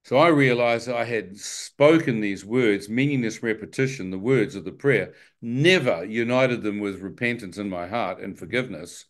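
Man giving an animated testimony sermon. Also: lowish voice, normal speed, few pauses. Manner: animated storyteller who acts out his own thoughts and prayers; wry, joking asides. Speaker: speaker telling his testimony to a church audience.

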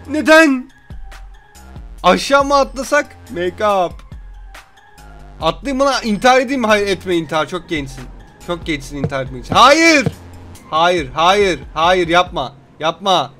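A young man commentating a game he is playing, excitable, joking and yelling at what happens on screen. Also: high-pitched, normal speed, soft background music. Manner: excitable, yells and jokes at the game. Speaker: gameplay commentator. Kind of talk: gameplay commentary.

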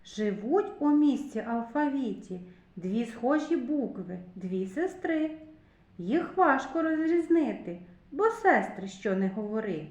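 A woman teaching a reading lesson to small children, sounding out syllables slowly and with great care. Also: reverberant. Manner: drawn-out, carefully enunciated syllables with lively sing-song pitch. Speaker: kindergarten teacher.

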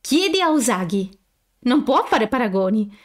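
A proud young man, indignant and quick to defend himself, as a woman reads his lines. The voice stays fairly high, with a flustered, prickly edge in this audiobook. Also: very animated.

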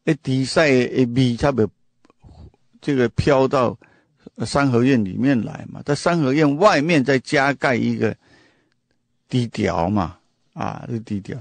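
A man's voice: mid-range voice, animated, measured pace, creaky, pauses often, no echo. Emphatic man telling folk tales. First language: Hakka. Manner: emphatic, full of rhetorical questions; repeats and restarts phrases. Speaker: host. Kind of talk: casual storytelling monologue.

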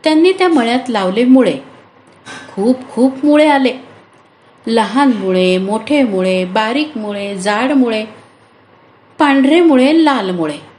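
Slow, expressive woman storyteller. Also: fairly high pitch, slight background noise. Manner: slow, expressive and sing-song. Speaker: children's storyteller. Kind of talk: storytelling for children. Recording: roomy echo.

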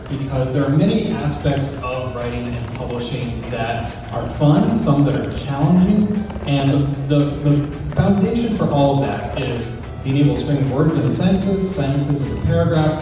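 A man introducing a panel as moderator, speaking formally in articulate, measured sentences. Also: a little high. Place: large convention panel room. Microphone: far camera in audience. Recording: echoey hall PA from far off.

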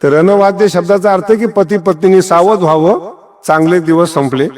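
A fairly high-voiced male preacher delivers a devotional discourse, slipping into storytelling and playing out little exchanges of dialogue. His delivery swings up and down and breaks into chuckles. His voice rings with a long reverb, as if he is speaking in a big hall. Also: moderate pace. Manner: animated, acts out dialogue, swings pitch widely, chuckles. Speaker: kirtan preacher.

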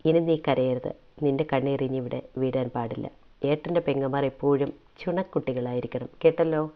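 A man voicing a gentle, protective young elder brother in a read-aloud story, tinny phone-like sound. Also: medium pitch, fairly even intonation, fairly quick, close to an everyday voice.

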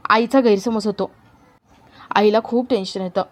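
A woman retelling the plot of a family drama serial in scripted narration, speaking in a plain, steady way. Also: medium pitch, moderate pace. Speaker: storyteller.

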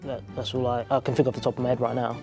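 A man's voice: medium pitch, flat delivery, rapid-fire, vocal fry, darkish tone, faint music behind. A man chatting hesitantly and nervously on a speed dating show, with lots of fillers. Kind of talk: casual chat.

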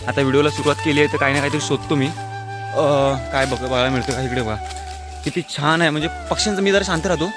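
A man's voice: a little high, fast, music in the background. A young man from the Konkan, chatting to viewers as he walks through the countryside with his phone camera. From Konkan, India. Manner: chatty, mixes English words, talks to viewers directly. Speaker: vlogger. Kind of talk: casual walking vlog narration. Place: outdoors in forest and fields.

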